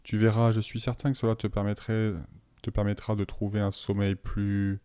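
A man voicing a cold, sinister male deputy headmaster who speaks slowly, softly and with menace. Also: lowish voice, little pitch movement, clean tone, no echo, lightly acted. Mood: menacing. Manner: slow, soft and menacing.

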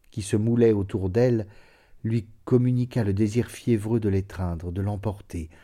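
A man narrating classic fiction as an audiobook in a slow, even, literary reading. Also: fairly low pitch.

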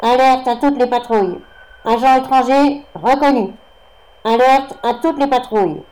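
A woman's voice: sits high, unhurried, a little mellow, voice pushed up, poor audio. A woman doing a police radio dispatcher cell. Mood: urgent alert. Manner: urgent clipped alert.

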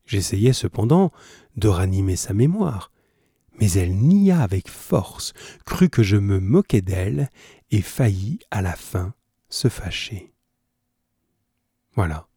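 A man reading a classic story aloud for school pupils, with an unhurried storytelling delivery. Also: on the low side, big pitch swings, mellow, husky, dry recording, clean studio sound.

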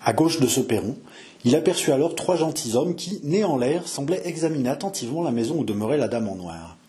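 A man reading a historical adventure novel aloud in a measured, steady way. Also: medium pitch. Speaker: audiobook reader.

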